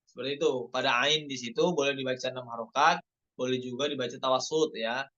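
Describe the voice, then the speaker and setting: A man teaching Quran recitation rules in an online lesson, explaining each rule and then reciting the examples slowly. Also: mid-range voice, steady tone, bright, forceful tone, dull audio. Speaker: tajwid teacher.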